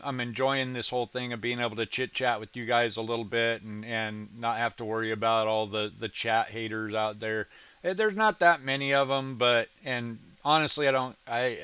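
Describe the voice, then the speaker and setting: A man's voice: mid-range voice, pushed and bright, clear, resonant tone, no echo, lo-fi sound. A man hosting a casual livestream reaction chat, rambling with lots of ums and restarts, with a slight Southern American accent. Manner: rambling, many ums and restarts, laughs easily. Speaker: reaction streamer host.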